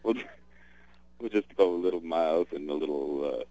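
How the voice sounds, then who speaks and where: A man's voice: a bass voice, normal speed, mellow, no room sound, low-quality recording. A man hosting a radio talk show, chatting casually about politics with many fillers and restarts.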